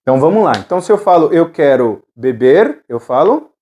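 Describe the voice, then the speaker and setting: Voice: medium pitch, sing-song, fairly quick, mellow, lo-fi sound, slight background noise. An English teacher giving a recorded lesson, patiently repeating drill phrases and checking in with the students.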